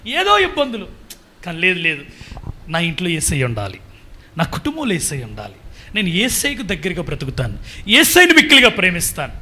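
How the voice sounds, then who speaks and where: A man with a Telugu accent preaching a sermon, leading the congregation into loud, fervent prayer. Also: sits high, a little hiss or hum. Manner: fervent, rising to shouted prayer. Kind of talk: sermon with altar call.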